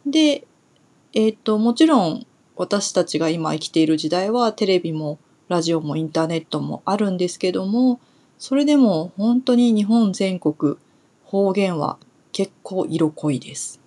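A young woman from Kumamoto in Japan, talking through a relaxed solo Japanese lesson in a chatty way, pausing on soft fillers as she thinks aloud. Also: medium pitch. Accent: standard Japanese. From Kumamoto, Kyushu, Japan. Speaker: Japanese teacher.

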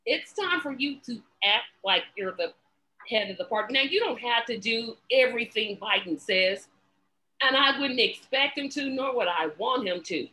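A woman hosting a casual political talk show, talking in an animated way, often restarting her sentences and adding sarcastic asides. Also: a little high, normal speed, low-quality recording. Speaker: podcast host.

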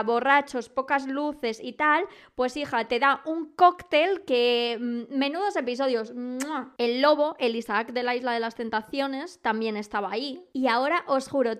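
A young woman with a Spanish accent chatting as a podcast host, animated and gossipy, acting out quotes as she goes. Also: on the high side, clear, resonant tone. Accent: Spain Spanish. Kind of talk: casual chat.

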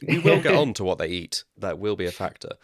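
A man's voice: sits low, sing-song, quick pace, no echo, studio quality. A man with a West Country accent co-hosting a podcast, explaining in a rambling, chatty way and laughing at himself. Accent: West Country English. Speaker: podcast co-host. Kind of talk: casual chat.

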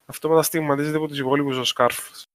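A man's voice: fairly high pitch, flat delivery, a bit bright, a little hiss or hum. Cypriot Greek man explaining things casually. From Cyprus. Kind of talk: casual discussion of social issues.

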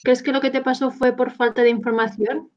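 A woman hosting an interview, asking gentle questions with careful, hesitant phrasing. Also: sits high, level tone, brisk. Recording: slightly muffled lo-fi audio.

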